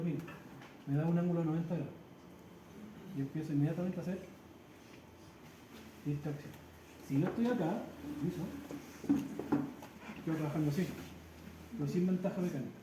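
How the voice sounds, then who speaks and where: Male instructor, walks students through a practical demo step by step, slightly high voice, recorded in an echoey room. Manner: explains step by step, often checks with "¿ya?". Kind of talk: hands-on practical class demonstration. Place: practice room with a treatment table. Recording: echoey room with loud background noise.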